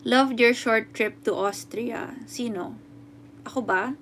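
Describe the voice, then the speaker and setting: A young Filipino woman with a Filipino accent, chatting casually on a livestream, reading out comments and mixing in Tagalog, often halting to correct herself. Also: a little high, fairly bright tone, a little hiss or hum. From Philippines. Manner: chatty, switches between English and Tagalog, often halting and unsure. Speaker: musician hosting a livestream.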